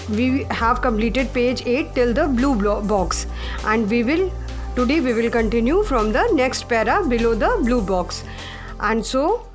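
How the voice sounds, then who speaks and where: Slow-speaking woman teacher. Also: a little high, rough recording. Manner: slow, repeating points and spelling out words. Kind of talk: classroom lesson, reading from the textbook.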